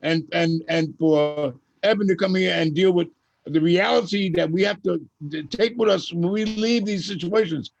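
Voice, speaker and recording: A man's voice: high voice, normal speed, vocal fry, dull audio. An older man hosting an open mic, telling stories in an earthy, emphatic way to a group. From USA. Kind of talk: casual group talk.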